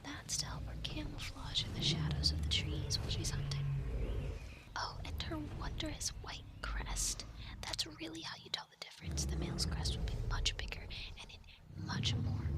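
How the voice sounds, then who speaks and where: In an intimate, rambling ASMR roleplay, a woman plays a chatty young castaway on an island who loves animals. Her voice sits high, and she explains things in a hesitant, earnest way.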